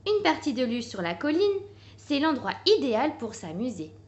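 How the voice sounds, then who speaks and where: A woman voicing a cheerful, kind little female cub heroine who speaks in eager, bright exclamations in a storybook reading. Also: sits high, very animated, normal speed, muffled recording.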